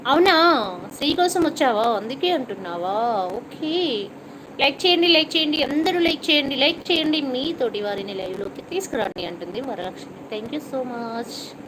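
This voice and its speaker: A middle-aged woman hosts a live stream, chatting and teasing her viewers as she reads out their comments. Her voice sits a little high, with a slight cough. Steady noise and passing vehicles run behind her. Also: moderate pace. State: has a cough.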